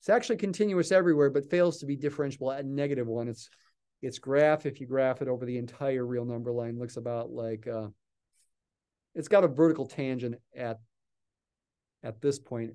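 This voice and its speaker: An older man gives a recorded calculus lecture from a desk in a small office, talking patiently and thinking aloud as he writes. He is a math lecturer with a medium-pitched, warm voice.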